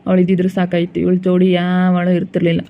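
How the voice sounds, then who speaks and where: A man's voice: high voice, monotone, quick pace. A man with a rural Chitradurga Kannada accent, talking in a sorrowful, mournful way in casual chat. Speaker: relative in village vlog. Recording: tinny phone-like lo-fi sound.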